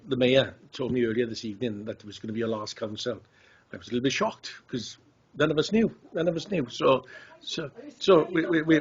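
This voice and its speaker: A man's voice: mid-range voice, husky. A man with a Welsh accent, a councillor, giving a stumbling farewell tribute that repeats words. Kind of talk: tribute speech at a council meeting. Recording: dull lo-fi chamber mic.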